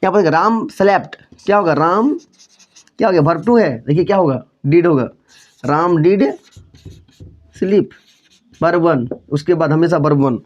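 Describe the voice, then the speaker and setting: A man gives a slow, unhurried grammar lesson in Hindi, repeating each rule and example word by word. His voice sits a little high for a man. The recording is dull and lo-fi. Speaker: English grammar teacher.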